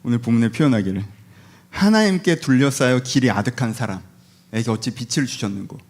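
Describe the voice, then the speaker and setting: A man's voice: mid-range voice, fairly quick. A male pastor preaching a conversational sermon, acting out Job and his friends and asking the congregation questions. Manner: animated, acts out Job and his friends in voices.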